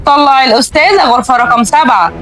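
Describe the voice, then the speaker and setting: Woman narrator as elderly Egyptian male receptionist in a horror tale, fatherly and mysterious, high voice. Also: quick pace, a bit bright, faint music behind. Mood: calm, welcoming. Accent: Egyptian Arabic. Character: very old male hotel receptionist, kindly, mysterious. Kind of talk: horror story character acting.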